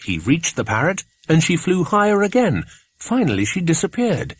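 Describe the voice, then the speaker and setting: A man reading a children's adventure audiobook aloud in measured, expressive narration. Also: on the high side, husky. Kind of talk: scripted storybook narration.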